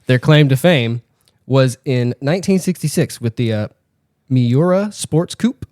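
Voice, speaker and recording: A man co-hosting a podcast, running a spelling game with teasing banter and spelling words out slowly. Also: mid-range voice, animated, a little mellow, dry recording, studio quality.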